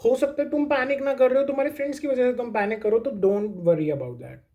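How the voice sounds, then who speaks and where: A man's voice: very high-pitched, brisk, dark tone, highs cut off. A man giving a casual pep talk to exam students, reassuring them and repeating his points, with English phrases mixed into his talk. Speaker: exam coaching YouTuber.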